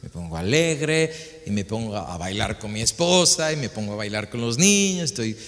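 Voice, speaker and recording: A remorseful middle-aged church elder, voiced by a male preacher confides his failings in a low, hushed, subdued voice. It is a quiet confession carried by the long reverb of a church hall. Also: sing-song, moderate pace. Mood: confessing.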